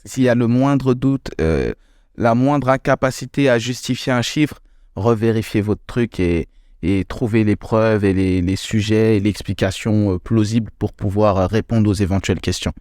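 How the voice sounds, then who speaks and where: A man co-hosting a casual podcast about founding a startup, relaxed and joking, often repeating words as he explains. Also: on the low side, normal speed, no room sound, studio quality. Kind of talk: casual chat.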